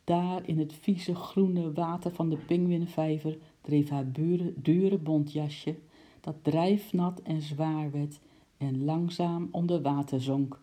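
A storyteller reading a children's book aloud in a lively voice, acting out the characters. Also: medium pitch, takes it slowly.

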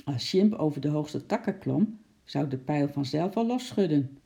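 A narrator reading a children's story aloud in a calm, even manner. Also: mid-range voice, moderate pace, creaky. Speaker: audiobook narrator.

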